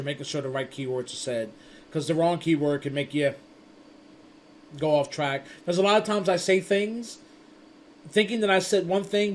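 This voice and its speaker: Rambling, high-pitched male course instructor. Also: a little hiss or hum. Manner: rambling with frequent restarts and stumbles; chatty storytelling with acted-out quotes. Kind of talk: casual spoken lecture.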